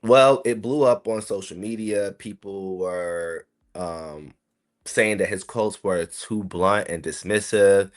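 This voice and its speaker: A man from South Carolina, hosting a casual solo podcast and talking to his listeners in a chatty, rambling way. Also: deep voice. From South Carolina, USA. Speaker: podcast host.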